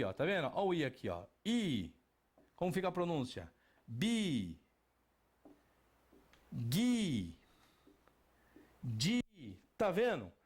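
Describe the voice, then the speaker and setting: Lively Brazilian teacher drilling pronunciation. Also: male voice, sits high. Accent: Brazilian Portuguese. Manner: drills pronunciation aloud, asks and answers his own questions. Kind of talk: whiteboard lesson. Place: classroom at a whiteboard.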